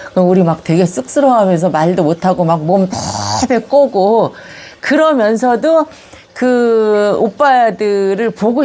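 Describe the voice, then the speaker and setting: An elderly woman from the Yongin area of Gyeonggi, Korea, records a video autobiography in a reflective life-story interview. She speaks Korean with a Chungcheong tinge and a lively pitch, calm as she reminisces but gently animated when childhood memories come up.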